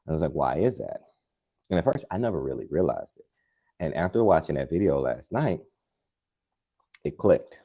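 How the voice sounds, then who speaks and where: A man with an extremely low voice talks gardening in a live demo. His tone is dark and mellow, and his delivery is calm, unhurried and soothing. He rambles casually with plenty of fillers. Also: husky. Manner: chatty and rambling, with many fillers. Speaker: gardening channel host.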